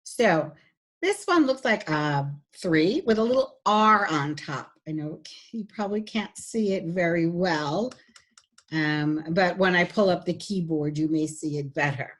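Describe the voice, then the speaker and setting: A woman's voice: lowish voice, expressive, a little slow. A woman giving a recorded phonetics lecture, patiently demonstrating sounds while sharing her screen. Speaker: phonetics instructor.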